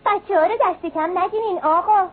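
A spirited cartoon girl. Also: extremely high pitch. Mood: outspoken. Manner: outspoken, lively. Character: spirited young girl, outspoken. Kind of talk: dubbed cartoon voice acting. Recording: tinny lo-fi sound with loud noise.

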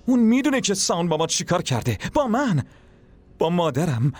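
A man's voice: high voice, sing-song, darkish tone. An actor dubbing a male hero who feels betrayed and speaks with bitter intensity, with music under the dialogue. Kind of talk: dubbed TV drama.

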